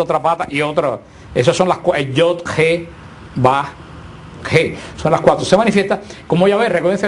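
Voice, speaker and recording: A man teaching a Bible class who explains points slowly, often asks his listeners questions and repeats himself. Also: a little high, slight background noise.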